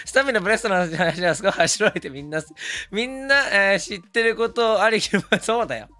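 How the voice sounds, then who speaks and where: A hoarse man, talking casually on stream, excitable and quick to laugh or yell. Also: sits high, no room sound, soft background music. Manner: excitable, switches between laughing and yelling. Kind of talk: casual stream talk reacting to comments.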